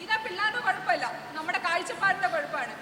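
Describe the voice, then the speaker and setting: A woman playing a consoling friend, very high. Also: fast, background noise. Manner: consoling, chatty. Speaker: stage actor. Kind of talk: amateur stage drama. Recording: echoey hall, far from mic, crowd.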